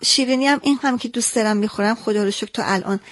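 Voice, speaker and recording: A woman being interviewed as a guest, answering in an animated, expressive way. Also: a little high, dry recording. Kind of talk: casual interview.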